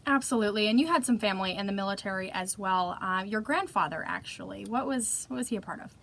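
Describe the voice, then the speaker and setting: A woman's voice: medium pitch, fast talker, fairly bright tone, slight background noise. A woman hosting a radio show from the studio, bubbly and enthusiastic, interviewing a guest. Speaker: radio host. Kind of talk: upbeat radio show chat.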